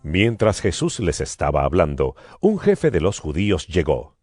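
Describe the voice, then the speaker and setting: A man narrating a Bible reading in an expressive storytelling manner. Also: low-pitched, normal speed. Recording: music bed behind voice. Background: guitar music.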